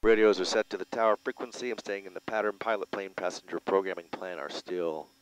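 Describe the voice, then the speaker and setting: A man with a deep voice talks as a pilot at work in a small plane. His phrases are terse and checklist-like, moving between running commentary and radio calls. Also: steady tone, quick pace, clear, resonant tone, poor audio. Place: small propeller plane cockpit.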